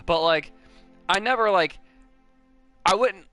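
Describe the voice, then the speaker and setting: A man talking casually on a livestream, his voice bright and a touch high for a man. He rambles, swears freely and leans on "like" in almost every sentence. Soft music plays faintly underneath. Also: slow, clear, resonant tone. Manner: rambling, profane, peppered with "like". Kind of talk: casual chat.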